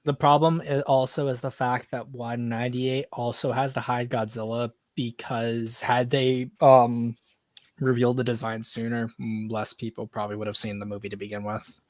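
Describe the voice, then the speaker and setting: A man explaining his view in a casual panel podcast, steady and thorough. His voice sits at an ordinary pitch. The sound is dry and close to the mic. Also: normal speed, dry recording. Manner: explanatory, teasing.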